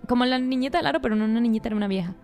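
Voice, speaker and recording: Young woman, mellow voice, animated storytelling podcast co-host, faint music bed. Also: fairly high pitch, very fast. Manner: animated storyteller, acts out quoted lines. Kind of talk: casual chat, telling a ghost story.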